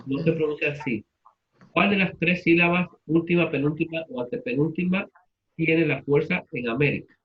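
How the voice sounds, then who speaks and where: A man's voice: a little high, moderate pace, lo-fi sound. A man teaching a class, repeating students' answers and asking them questions in turn. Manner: patient, repeats answers back and asks questions.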